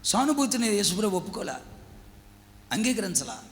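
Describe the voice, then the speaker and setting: A man preaching a sermon with an emphatic, rising delivery and a higher-than-usual voice. He prompts the congregation to answer back. His voice rings through a church hall with a long reverb. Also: sing-song, moderate pace, a little hiss or hum. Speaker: pastor.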